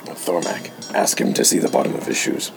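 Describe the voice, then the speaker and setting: A man playing in a tabletop game, hesitantly checking where the scene stands. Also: fairly quick. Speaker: player. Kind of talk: casual game chat. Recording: music in background.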